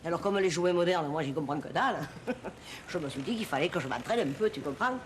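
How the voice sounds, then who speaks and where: Chatty older mum. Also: female voice, low-pitched, animated. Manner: quick to take offense, chatty. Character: lively older mother, stubborn, touchy. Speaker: sitcom mother. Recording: noisy TV sitcom audio.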